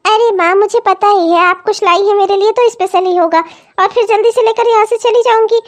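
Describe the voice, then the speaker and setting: A woman's voice: very high voice, fairly even intonation, a little fast. A woman voicing a greedy younger married daughter in a cartoon comedy, who keeps demanding more from her mother. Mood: wheedling. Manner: demanding, wheedling.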